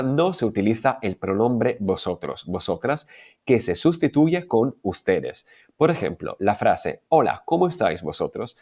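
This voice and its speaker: Lively low-voiced man teaching Spanish. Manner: clear, methodical, slows down to sound out examples. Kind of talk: explanatory language lesson.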